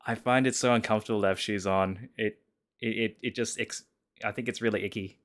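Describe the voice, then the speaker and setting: A man's voice: lowish voice, fairly even intonation, a little fast, fairly bright tone. A man hosting a casual live stream chat, often repeating and restarting his words as he talks. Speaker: stream host.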